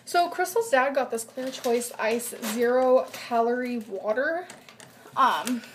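Speaking slowly, a high-voiced young woman vlogs about her grocery haul from her kitchen at home, chatting casually and rattling off nutrition figures in a flat list. Her webcam's built-in mic, at desk distance, leaves a faint hiss.

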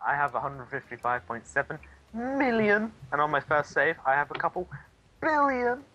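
Bright-voiced joking young man. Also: fairly high pitch, sing-song, normal speed, muffled recording, a little hiss or hum. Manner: joking, playful. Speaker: co-host. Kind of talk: casual gaming commentary.

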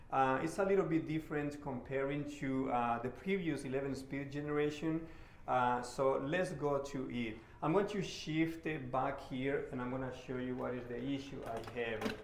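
Friendly bike mechanic. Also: male voice, medium pitch, echoey room. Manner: relaxed and friendly, with many "uh" fillers. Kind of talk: hands-on repair tutorial. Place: bike shop showroom, indoors.

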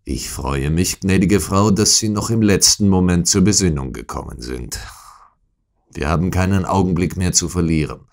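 A man voicing a calm, commanding detective who speaks briskly and quietly, in an audiobook reading. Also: deep voice, creaky. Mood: urgent. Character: calm, commanding male detective, middle-aged.

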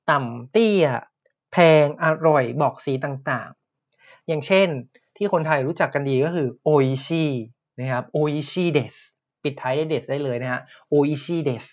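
A man teaching Japanese words in a podcast lesson, explaining patiently and repeating each word slowly. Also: fairly high pitch, dull audio.

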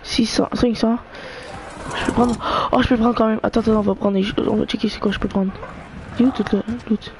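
Gamer chattering thru a match, hypes up friends, swears in english, faint hum behind. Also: medium pitch. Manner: excitable, cheering teammates on rapidly; sprinkles in English gaming slang and swearing. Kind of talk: live gameplay chatter.

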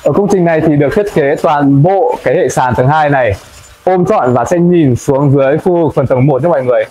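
Fast-talking young man touring a site. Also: fairly high pitch, dark tone. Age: young adult. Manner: fast, chatty, addresses viewers as "mọi người". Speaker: company presenter touring a build site. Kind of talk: presenter-led site tour. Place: indoors in a large wooden café under construction. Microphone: lapel mic.

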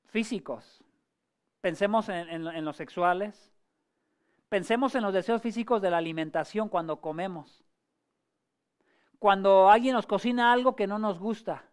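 A male pastor giving a sermon in a conversational way, asking the congregation rhetorical questions and often pausing or restarting his phrases. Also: sits high, clean tone. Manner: frequent hesitations and restarts.

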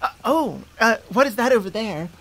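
Giving a full character voice, a woman sounds a little high, expressive, fairly bright, and slightly rough at normal speed. She plays an affectionate, teasing, easily flustered young centaur girlfriend in an intimate ASMR roleplay, fond and teasing in mood, sweet and conversational, close on a studio mic.

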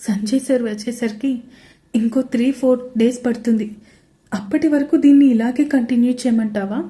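A woman's voice: fairly high pitch, fairly even intonation, normal speed, dark tone, close to an everyday voice. A woman voicing a young sister-in-law who coaxes and encourages a crying friend in an audio story. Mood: urgent. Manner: coaxing, encouraging.

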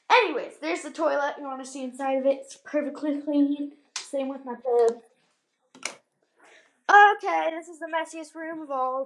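A young girl with a high, gravelly voice rambles playfully through a nighttime house tour vlog, filming indoors on a handheld phone camera. Her casual chat is broken up by sudden exclamations.

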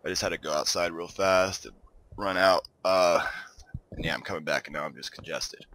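A gaming video host with a deep voice talks at a moderate pace, with no echo, casually commenting as he plays and builds in a game. He sounds a little congested and stuffed-up, relaxed and chatty, talking to himself while he builds.

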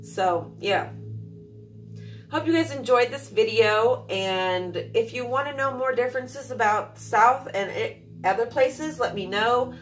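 Her voice a little high and a little slow, a young adult vlogger from Alaska chats to camera in a small indoor room at home. The talk is casual and rambling with plenty of fillers, captured on a distant mic over soft background music.

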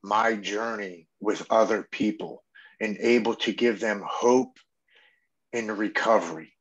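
A man's voice: fairly low pitch, steady tone, measured pace. A man in his forties, a podcast guest, telling his recovery story in an earnest, reflective way. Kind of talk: heartfelt personal storytelling.

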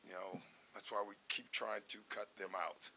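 At a postgame press conference, an older basketball head coach answers reporters into a table microphone in a press room before a sponsor backdrop. He's measured and conversational, with many fillers and restarts, his voice fairly low and even, bright and forceful. Slight background noise is audible.

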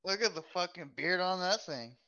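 A man's voice: high-pitched, lively intonation, moderate pace, dull audio. A man co-hosting a casual comedy podcast, teasing and swearing freely. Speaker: podcast co-host.

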